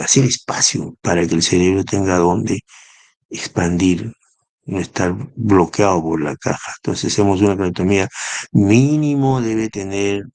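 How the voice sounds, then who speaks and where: A man's voice: deep voice, a little mellow, dry recording. A man giving a recorded neurosurgery lecture, explaining step by step and often checking in with his students. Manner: explanatory, spells out acronyms, asks rhetorical "¿no?".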